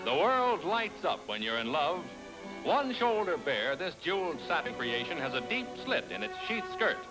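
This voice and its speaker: A man voices old 1940s newsreel narration in a high, sprightly register with a swooping, animated delivery. His announcer manner stays brisk and chipper, and the narration sits over loud music. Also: rough recording.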